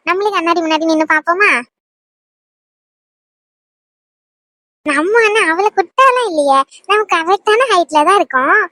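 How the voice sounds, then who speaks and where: A woman's voice: extremely high pitch, a bit bright, no room sound. A woman voicing a young cartoon bride who pleads tearfully and begs to be let go. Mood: chatty. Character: young bride, sweet, later desperate. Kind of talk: cartoon voice acting.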